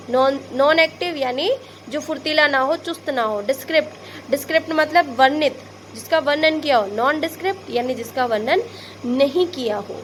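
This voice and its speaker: A woman's voice: high-pitched, a little hiss or hum. A woman teacher with an Indian Hindi accent, patiently explaining word prefixes to young pupils, repeating each example. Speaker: school English teacher.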